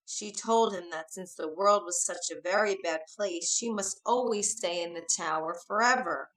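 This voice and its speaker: A woman narrating a fairy tale for English learners, reading slowly, clearly and expressively. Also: lowish voice, a bit bright, rough recording.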